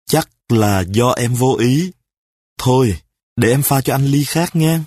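A man voicing a fretful young wife who starts out defensive and turns sharp-tongued in a spoken story, with a husky voice. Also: medium pitch, animated, no room sound, studio quality. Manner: pleading, then snapping back in quick retorts.

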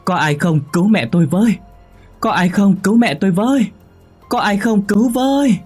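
A man's voice: fairly low pitch, fairly quick, husky, soft background music. A man voicing a stubborn, defiant young woman in an audio horror story. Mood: screaming.

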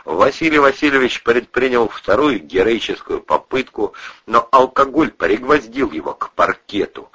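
A man narrating a story with a lively, wry delivery. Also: fairly low pitch, breathy edge, lo-fi sound. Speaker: audiobook reader. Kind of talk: expressive book narration.

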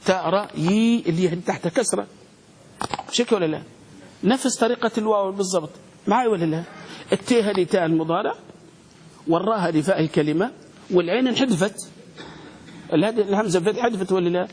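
A man teaching a grammar class, questioning his students and spelling words out slowly. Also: high-pitched. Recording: echoey room with long reverb, faint noise.

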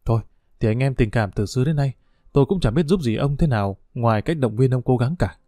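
Man doing a sly village thief, taunting, scornful, rough quick talk, dry close sound. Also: mid-range voice, lively intonation, mellow, no room sound, natural voice. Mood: falsely friendly.

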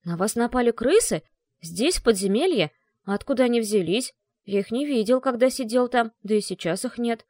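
A woman's voice: on the high side, lively intonation, brisk, darkish tone, no echo, clean studio sound. A woman voicing a stubborn, brave teenage boy who talks back indignantly and grumbles. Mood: alarmed.

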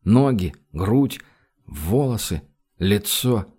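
A man reading a novel aloud as narrator, in a steady, measured manner. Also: lowish voice, husky. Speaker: audiobook narrator. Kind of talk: scripted narration.

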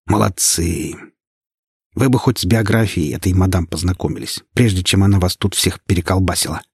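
A man's voice: low-pitched, normal speed, breathy edge, no room sound, studio quality. A man voicing a sly, sarcastic male detective who mocks and uses slang. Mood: mocking. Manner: mocking, slangy.

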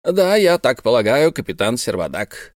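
A man's voice: mid-range voice, very animated, moderate pace, dry recording, studio quality, natural voice. A man voicing a proud, eccentric old male professor who lectures emphatically in an audiobook reading. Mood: lecturing.

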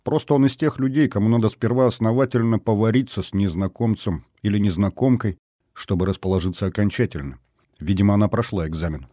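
A man narrating an audiobook with even, unhurried storytelling. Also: fairly low pitch, no room sound, studio quality. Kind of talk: scripted narration.

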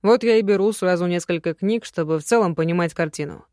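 A woman reading a young male magic student, teasing and affectionate, in a slightly louder, gentler voice. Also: on the low side, quick pace, dry recording, studio quality, lightly acted.

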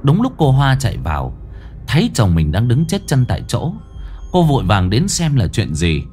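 Male ghost-story narrator, mid pitch, very lively intonation. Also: normal speed, faint music behind. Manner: expressive, suspenseful.

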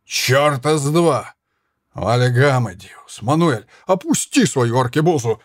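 A man voicing an older mustached guard who urgently shouts to calm the brawlers, fatherly in tone. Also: medium pitch, a little slow. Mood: urgent pleading.

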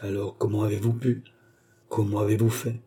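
A man voicing an eager, trusting older Breton knight who asks lively, curious questions in an audiobook. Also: on the low side, moderate pace, husky.

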